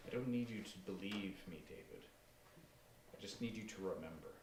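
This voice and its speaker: A man playing a calm, grandiose cult leader who speaks softly and with chilling composure. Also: fairly low pitch, moderate pace, natural voice. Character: calm, menacing middle-aged male cult leader. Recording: roomy and distant with faint noise.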